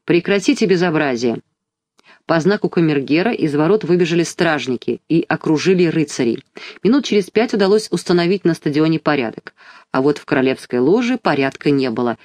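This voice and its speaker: A reader narrating a children's audiobook chapter in a measured, even storytelling manner. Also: mid-range voice, dry recording.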